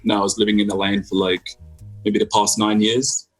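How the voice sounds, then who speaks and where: A man's voice: lowish voice, flat delivery, moderate pace, slightly rough, faint music behind. A young man from the UK, a guest musician on a video call, talking in a laid-back way with lots of fillers. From United Kingdom. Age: young adult. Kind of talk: casual video-call interview.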